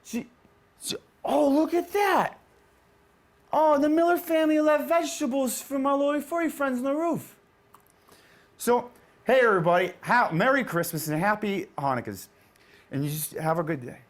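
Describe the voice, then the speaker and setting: A man's voice: animated, normal speed, pauses often. A man playing a goofy, scatterbrained Santa Claus who rambles through a comedy bit. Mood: giddy rambling. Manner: rambling, high-spirited, distracted.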